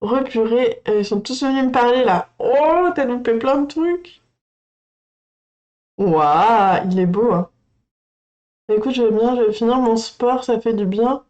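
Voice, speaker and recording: A woman with a fairly high, mellow voice hosts a casual livestream unboxing for her coloring channel. She gushes excitedly and chats straight to her viewers. The sound is dull and lo-fi. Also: moderate pace.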